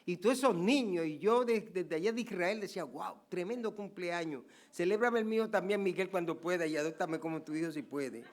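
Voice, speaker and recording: An older male pastor preaching a sermon, swinging from soft conversational asides to loud, emphatic passages. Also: sits high, fairly quick, hardly any pauses.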